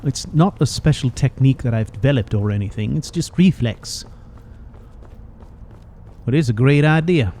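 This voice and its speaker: A man's voice: mid-range voice, normal speed, long pauses, warm tone, a little hiss or hum, lightly acted. A man voicing a cheeky, chatty old rusty robot in a game, with a folksy drawl and teasing manner. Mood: boastful, amused. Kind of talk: video game character dialogue.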